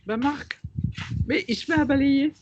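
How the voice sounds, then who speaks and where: A woman learning Hungarian over a video call, chatty, asking for pauses and repeating words to check them. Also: high voice, background noise. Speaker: language student. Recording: dull lo-fi call audio.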